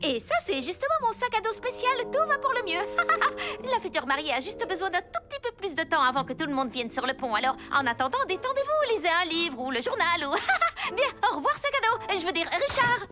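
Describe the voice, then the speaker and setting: A woman's voice: extremely high pitch, big pitch swings. Bubbly cartoon girl Polly. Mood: flustered. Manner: bubbly and quick, with giggles. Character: cheerful, energetic young girl heroine. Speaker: lead character. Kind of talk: animated series dub. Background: music.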